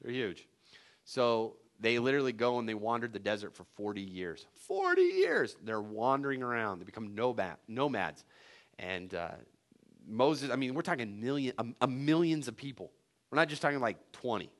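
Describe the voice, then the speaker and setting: A male preacher telling a Bible story in a sermon, animated and joking. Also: mid-range voice, normal speed. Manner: animated storytelling with jokes and laughs.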